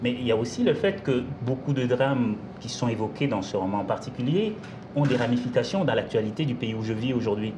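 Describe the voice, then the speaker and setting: A man from Congo, a novelist, answering interview questions in a measured, articulate way with some hesitations. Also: medium pitch, lively intonation, background noise. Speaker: novelist guest.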